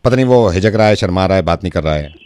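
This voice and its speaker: Fast, animated man pulling a prank call. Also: sits low, a little hiss or hum. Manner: feigns confusion, repeats himself, then rants loudly. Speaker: radio jockey making prank calls.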